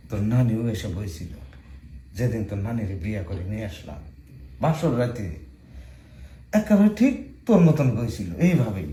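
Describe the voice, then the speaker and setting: A man playing an elderly village grandfather who tells old stories and scolds loudly. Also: medium pitch. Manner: folksy storytelling, then loud scolding. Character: elderly village grandfather, later a blustering husband. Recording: roomy indoor recording.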